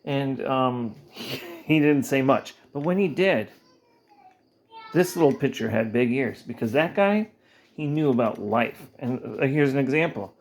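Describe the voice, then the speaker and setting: A man telling a rambling comic monologue in a deadpan, mock-earnest way, halting with pauses and fillers. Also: medium pitch. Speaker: comedian.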